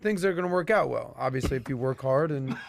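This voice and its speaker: A man co-hosting a podcast panel, joking and reacting quickly to the others. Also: mid-range voice, lively intonation, creaky. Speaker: podcast co-host. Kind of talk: casual panel chat.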